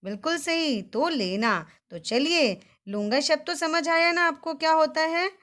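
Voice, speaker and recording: A woman's voice: high voice, a little slow, a bit bright. A woman teacher leading a children's Hindi vocabulary lesson, spelling words out syllable by syllable and praising the class in a sing-song, teacherly way.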